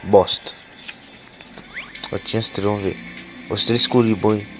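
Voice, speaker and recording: Hoarse and sick with a cold, a gaming YouTuber speaks a little slowly in a lowish voice as he cracks open card packs. He swears and perks up with excitement when cards come out, and game music runs in the background.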